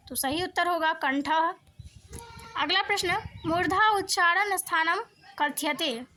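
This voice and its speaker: A woman's voice: extremely high pitch, bright, forceful tone. A woman working through Sanskrit grammar exam questions, reading each question and then giving and explaining the answer. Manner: mixes Hindi explanation with recited Sanskrit.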